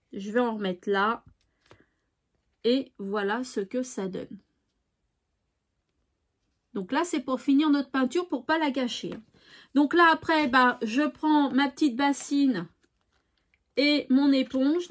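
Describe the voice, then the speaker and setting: A woman hosting a craft tutorial, chatting casually and thinking aloud with fillers. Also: high-pitched. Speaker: craft channel host.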